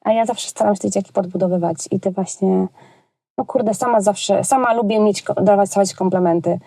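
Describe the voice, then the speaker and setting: A woman's voice: mid-range voice, steady tone, fairly quick, gravelly, warm tone, dry recording. A woman from Poland, a children's entertainer, talking casually in an interview with lots of hesitations and colloquial asides. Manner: chatty and colloquial, frequent hesitations.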